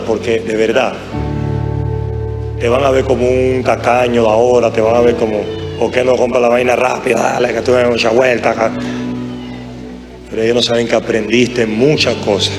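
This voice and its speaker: A man's voice: mid-range voice, little pitch movement, moderate pace. A man preaching a live sermon to a congregation in an impassioned, conversational way. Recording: sermon with music behind. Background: music.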